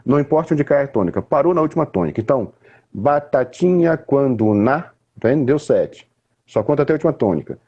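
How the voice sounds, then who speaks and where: Um homem com sotaque brasileiro explicando poesia numa conversa informal, em tom didático e sem pressa. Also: male voice, medium pitch, sing-song, slightly rough, highs cut off. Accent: Brazilian. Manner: didactic, unhurried, with frequent restarts and "né?" tags. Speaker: poet explaining literature. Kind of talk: casual conversation.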